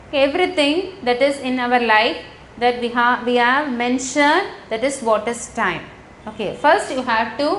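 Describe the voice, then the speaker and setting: A woman with a Tamil accent teaches young children, spelling words out letter by letter. Her voice sits high and she speaks slowly. The sound is roomy, with a faint hiss behind it. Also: fairly bright tone. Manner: slow, spells words letter by letter and switches between Tamil and English. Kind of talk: classroom lesson for young children. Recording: echoey room with faint noise.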